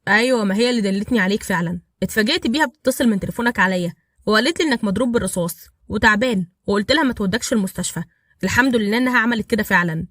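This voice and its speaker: A woman doing a calm Egyptian fixer friend. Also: medium pitch, rapid-fire, no room sound, studio quality, natural voice. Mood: reassuring. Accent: Egyptian Arabic. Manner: reassuring and calm. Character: loyal, level-headed male friend and fixer.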